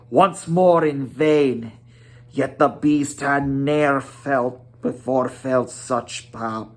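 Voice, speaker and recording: A storyteller giving a dramatic storybook reading, with theatrical, weighty delivery and drawn-out emphasis. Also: mid-range voice.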